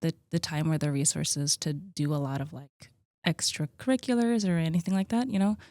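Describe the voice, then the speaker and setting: A woman's voice: low-pitched, a little fast, no room sound, studio quality. A woman in her thirties, a guest on a podcast, talking casually and easily with plenty of "like" and "um" fillers. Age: 30s. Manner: chatty, relaxed, many likes and ums. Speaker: podcast guest, gym co-owner. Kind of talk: casual conversational interview.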